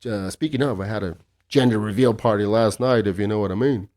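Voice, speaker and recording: A man's voice: on the low side, a little fast, a little mellow. A man hosting a casual solo podcast, rambling and joking with heavy swearing and a sarcastic edge. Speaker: podcast host.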